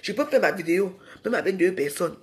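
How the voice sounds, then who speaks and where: A woman's voice: lowish voice, animated, a little fast, a little mellow. A woman ranting in a live social media video. She is confrontational and scolding and keeps firing rhetorical questions at her viewers.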